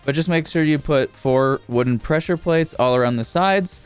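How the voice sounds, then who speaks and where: Higher-voiced man, steady tutorial cadence. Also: normal speed, clean tone, soft background music. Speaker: tutorial YouTuber. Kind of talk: casual game building tutorial narration.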